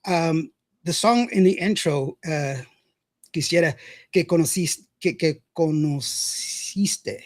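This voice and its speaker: A man's voice: fairly high pitch, slow pace, no echo, studio quality. A man hosting a podcast, chatting casually, joking, rambling and laughing often. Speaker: podcast host. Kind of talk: casual chat.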